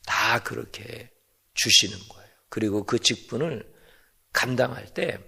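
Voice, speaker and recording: Slow gravelly-voiced male pastor preaching. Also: mid-range voice, sharp tone. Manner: slow, emphatic preaching with rhetorical questions. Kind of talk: sermon.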